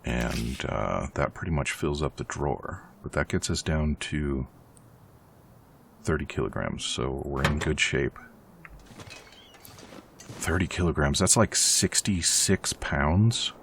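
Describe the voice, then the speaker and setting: A man's voice: very deep voice, expressive, slow, vocal fry, pauses often, fairly bright tone, slight background noise. A man casually narrating his survival game playthrough, chatty and rambling with a self-deprecating streak. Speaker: let's play host.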